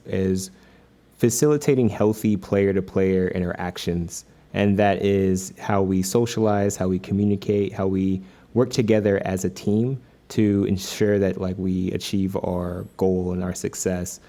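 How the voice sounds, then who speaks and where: A man guesting on an interview, speaking in a low, dark, mellow voice. He explains things earnestly, scattering "like" and "you know" through his sentences. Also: little pitch movement, unhurried. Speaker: game designer guest. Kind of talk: casual interview.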